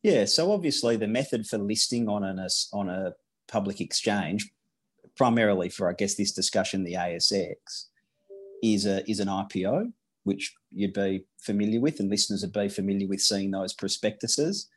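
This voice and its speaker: Fairly low and slightly rough, the voice belongs to an Australian-accented corporate lawyer from Western Australia on a podcast interview. His replies come out halting, with frequent restarts and fillers.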